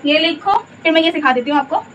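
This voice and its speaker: Patient and repetitive, this Urdu teacher walks through letters slowly, one step at a time, often checking understanding with simple rhetorical questions. Her high voice is fast and a bit bright, recorded lo-fi and dull from a distant mic with faint room noise behind.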